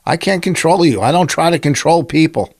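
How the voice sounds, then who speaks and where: A man's voice: on the high side, lively intonation, fairly quick, no echo. A male comedian co-hosting a podcast, teasing and insistent, talking over his co-host in casual banter.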